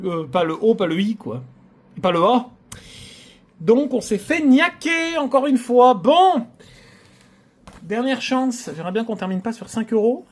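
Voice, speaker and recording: A man's voice: high-pitched, a little mellow. A man hosting his own channel, chatting casually to viewers as he scratches lottery tickets and groans theatrically at every loss. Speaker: channel host.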